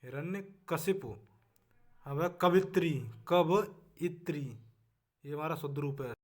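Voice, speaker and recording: A man with a Hindi accent leads a spelling lesson for exam preparation in a fairly high voice. He repeats each word as a drill, and his voice often drops away at the end of a line. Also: normal speed. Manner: drills words, often trails off softly at line ends. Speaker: exam-prep teacher.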